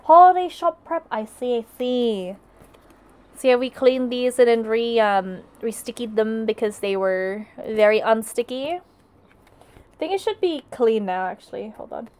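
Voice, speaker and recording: Young woman, craft streamer; relaxed, unhurried chat with viewers, slightly high pitch. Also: smooth. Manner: chatty, greets and answers chat, frequent restarts. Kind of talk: casual live-stream chat while crafting.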